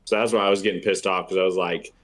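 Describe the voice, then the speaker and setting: Male co-host, low voice, heated casual sports talk. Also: fairly even intonation, very fast. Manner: heated, emphatic, frustrated venting. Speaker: podcast co-host.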